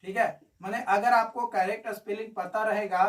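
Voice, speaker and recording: High-voiced man teaching from a distance. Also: fairly even intonation, moderate pace. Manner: explanatory, repeats key points, chatty asides. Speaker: exam coaching teacher. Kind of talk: explaining exam answers in a video lesson.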